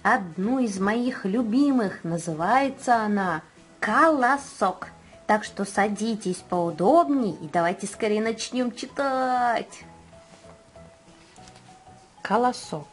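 A woman reading a children's bedtime fairy tale aloud and hosting the channel, slow, expressive and kindly. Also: mid-range voice, soft background music. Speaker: storyteller and channel host.

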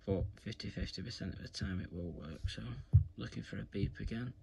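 This video presenter, a British man, shows how to do something in a casual, rambling, repetitive way, his phone camera filming his hands in a carpeted room at home. His deep voice is brisk with vocal fry. Background noise can be heard.

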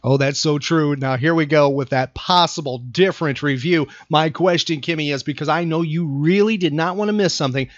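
Brisk and barely pausing, this American podcast host has a slightly high voice as he leads a laid-back talk show. He hammers points home by repeating phrases, in a dry, somewhat dull lo-fi studio recording.

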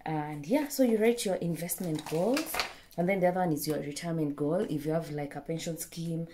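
A young Kenyan woman vlogging from her bedroom, casually showing a planner and pausing with fillers as she pages through it. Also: sits low, noisy background. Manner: chatty, unhurried, pauses with fillers while leafing through a planner. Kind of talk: casual product show-and-tell. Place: bedroom, indoors.

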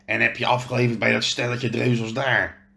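A man reading a storybook aloud, voicing a huge, gruff but kindly male half-giant who tells his story with earnest hesitation. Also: medium pitch, flat delivery, normal speed, bright, forceful tone.

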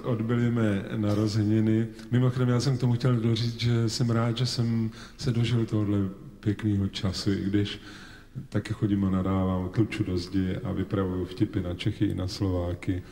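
A man's voice: on the low side, darkish tone. A man in his forties chatting and joking with a live audience between songs, teasing and talkative in a raised stage voice. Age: 40s. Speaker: singer-songwriter on stage. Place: live concert hall with audience. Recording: echoey live hall recording, audience noise.

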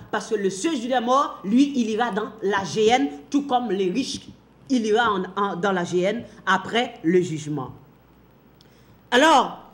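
A woman's voice: fairly high pitch, reverberant. A woman teaching from the Bible in a sermon, repeating key phrases and asking and answering her own questions.

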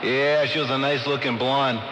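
A man's voice: mid-range voice, steady tone, normal speed, highs cut off. A man chatting over CB radio in trucker slang, making call-outs and repeating his phrases. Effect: CB radio transmission. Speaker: CB radio operator. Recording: very noisy, echoing CB radio reception.

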